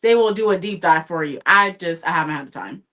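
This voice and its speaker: Chatty woman, bright tone, gossipy livestream co-host. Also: lowish voice, brisk. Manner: chatty, gossipy, animated storytelling. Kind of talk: casual chat while painting. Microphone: livestream setup.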